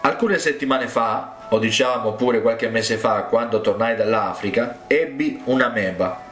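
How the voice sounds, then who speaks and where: A man's voice: mid-range voice, a little slow, a bit bright. Man preaching in an echoey room. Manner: emphatic storytelling, rising to stress points. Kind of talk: sermon.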